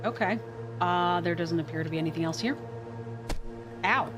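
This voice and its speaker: Game music plays behind a woman livestreaming her gameplay, thinking aloud and answering her chat. Her voice sits on the low side, at a moderate pace, in casual commentary.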